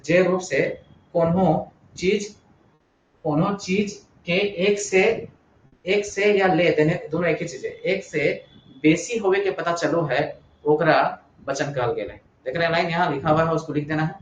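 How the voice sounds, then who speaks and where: A male teacher giving a classroom lesson, who repeats points, dictates notes and checks whether students follow. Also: on the high side. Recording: echoey room, far from the mic, dull sound with faint hiss.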